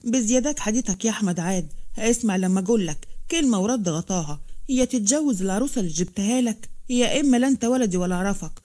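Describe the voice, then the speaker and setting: A woman's voice: medium pitch, expressive, rapid-fire, warm tone, close to an everyday voice. A woman voicing a stern old Upper Egyptian patriarch. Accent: Upper Egyptian Arabic. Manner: harsh, commanding threats.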